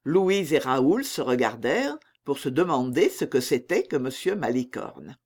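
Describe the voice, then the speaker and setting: Une femme lit à voix haute un roman classique, avec une diction posée et expressive. Son intonation varie beaucoup d'une phrase à l'autre. Le rythme est lent et régulier. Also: female voice, a bass voice. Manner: measured, expressive. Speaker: audiobook reader. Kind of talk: expressive reading of a classic novel.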